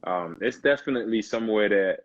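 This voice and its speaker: A young man from Lagos, Nigeria, answering interview questions in a relaxed, easygoing way. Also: lowish voice, a little fast, no room sound, dull audio. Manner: relaxed, easygoing, says bro often. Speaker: recording artist, guest. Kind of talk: casual interview.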